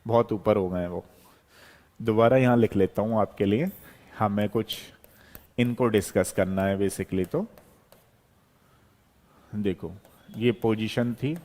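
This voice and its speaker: A man's voice: fairly low pitch, slow, pauses often, a little mellow. A male chemistry teacher giving a board lecture to students. He explains step by step as he writes and keeps checking in with "okay". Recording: long reverb, hall-like room.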